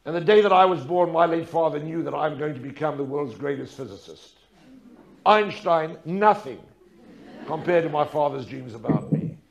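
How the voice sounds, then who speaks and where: An older man tells a personal story as a lecture to an audience, dramatic and emphatic, using rhetorical questions and repetition. His slightly high voice has lively intonation and vocal fry, at a moderate pace.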